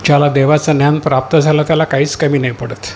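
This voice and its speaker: A male pastor preaching a sermon to his congregation. He poses questions and answers them himself, slows down to read scripture, and calls out hallelujah again and again. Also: on the high side, level tone, darkish tone. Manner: repeated cries of hallelujah.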